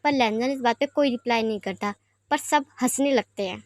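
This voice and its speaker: A woman's voice: a little high, a little fast, no room sound, clean studio sound. A woman reading fan fiction aloud in plain running narration. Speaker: storyteller.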